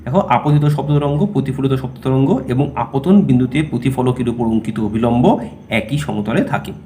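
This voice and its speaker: A man's voice: mid-range voice, steady tone, fast, a little mellow, slight background noise. A man teaching a school physics lesson, explaining step by step. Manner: explains step by step, often saying "dekho" and "thik ache".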